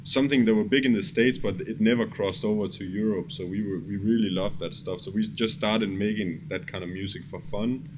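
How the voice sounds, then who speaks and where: Speaking briskly and with hardly any pauses, this Danish-accented man has a lowish voice and fairly even intonation. He's a music producer from Denmark reminiscing casually about his work in an interview in non-native English, with clearly noisy ambience behind him.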